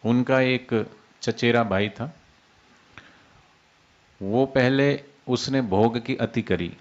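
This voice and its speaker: A man giving an unhurried devotional discourse as a spiritual teacher, explaining with everyday examples. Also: medium pitch, muffled recording. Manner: unhurried, explains with everyday examples, demonstrates soft and loud speech.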